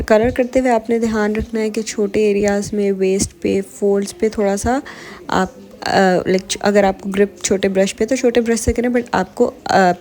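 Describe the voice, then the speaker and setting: A woman's voice: mid-range voice, dark tone. A woman fashion and textile instructor explaining step by step how to paint a dress, switching between Hindi-Urdu and English with a few fillers. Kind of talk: art tutorial voice-over.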